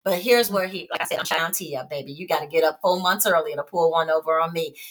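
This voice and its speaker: A woman from Chicago co-hosting a podcast, telling a story in a lively, familiar way and calling listeners honey and baby. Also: sits low, fast. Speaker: podcast co-host. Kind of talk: casual chat.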